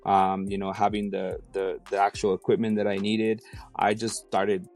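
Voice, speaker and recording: A man's voice: fairly low pitch, moderate pace, vocal fry. Laid-back man from Mexico City. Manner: relaxed, many fillers and restarts. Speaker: guest, DJ and rapper. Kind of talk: casual interview.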